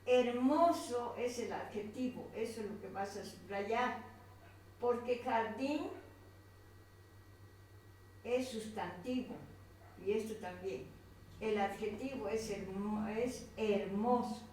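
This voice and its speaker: This woman's voice is fairly high and a little mellow, and she speaks slowly with frequent pauses. A teacher with a Colombian accent, she patiently leads a pupil through a grammar worksheet, repeating and pointing at each item on the page. The recording is distant and off-mic, in a very echoey room with faint noise.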